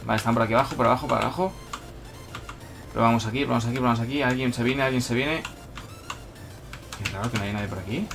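A young Spanish man with a Spanish accent delivers excitable live gameplay commentary, breaking into shouts and playful taunts. His mid-range, gravelly voice is fast but punctuated by long pauses, with electronic music playing behind him.

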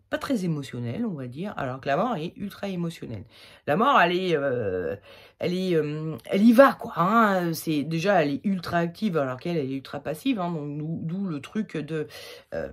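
A woman giving a casual weekly tarot reading, chatty and rambling with many fillers, her throat slightly irritated. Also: lowish voice. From France. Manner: jokey, laughs at her own slips. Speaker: tarot reader.

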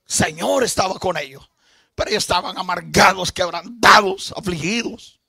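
A male pastor delivering a fiery sermon, swinging from hushed lines to shouted climaxes. His fairly high voice moves widely, with a raspy, gravelly grain. The sound is dry and close. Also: huge pitch swings, normal speed, no echo. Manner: impassioned preaching, rising to shouts, calls to the congregation.

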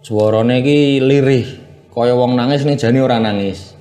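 A man chats calmly in a radio studio. He explains the figures in a relaxed, even tone, mid-pitched and steady. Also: unhurried. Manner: relaxed explanatory, mixing Javanese and Indonesian. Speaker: puppetry guest explaining wayang figures. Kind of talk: casual chat.

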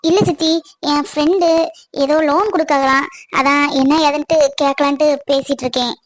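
A woman doing a tearful, gentle young woman. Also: high voice, steady tone, a little fast, no room sound, close to an everyday voice. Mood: pleading. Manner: pleading, sorrowful. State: crying. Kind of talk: cartoon voice acting.

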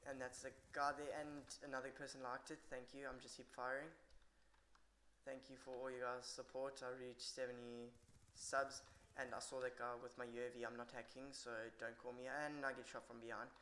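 A man's voice: mid-range voice, little pitch movement, moderate pace, sharp tone, a little hiss or hum. Tired, irritable man commentating gameplay. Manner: rambling, irritable, swears a lot. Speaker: gamer commentating his own match. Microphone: poor computer mic.

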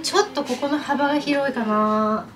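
A lively woman in her thirties with a high voice, reacting quickly and agreeing as she browses market stalls with a friend. Steady market noise runs behind her voice. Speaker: friend shopping along. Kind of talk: casual chat while browsing. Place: indoor and outdoor market stalls. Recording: noisy market ambience.

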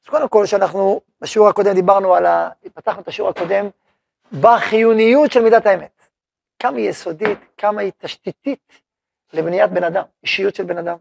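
A man's voice: sits high, gravelly, darkish tone, slightly rough, no echo. A man teaching a Torah lesson as a rabbi, speaking conversationally and putting questions to his listeners. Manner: conversational, asks the audience questions.

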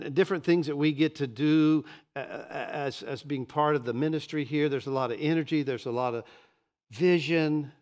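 Older guy pastor in his 60s giving a sermon, animated, keeps repeating words mid sentence. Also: fairly high pitch. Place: church stage behind a pulpit.

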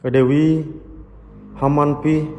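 A man's voice: on the high side, level tone, slow, darkish tone, highs cut off, a little hiss or hum. Jumpy man on a ghost-hunting livestream. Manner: jumpy, swearing, muttering prayers. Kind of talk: live ghost-hunting stream. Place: abandoned house at night.

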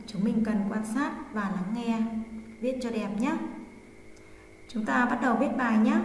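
A woman schoolteacher with a slightly high voice is dictating for writing practice. She goes slowly, phrase by phrase, and repeats herself. The recording is very echoey, with faint noise behind her. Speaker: primary school teacher. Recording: echoey, reverberant room with background noise.

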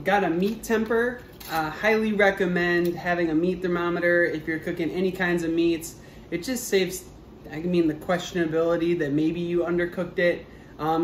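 A high-pitched young man gives an upbeat, casual chat to camera from his living room and kitchen, addressing viewers directly. There's slight background noise.

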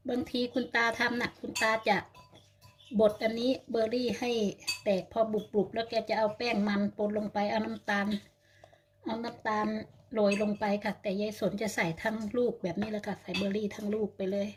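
A woman's voice: on the high side, little pitch movement, moderate pace, slight background noise. An older woman, narrating a home cooking vlog and chatting to viewers like friends. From Thailand. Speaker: vlogger. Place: home kitchen.

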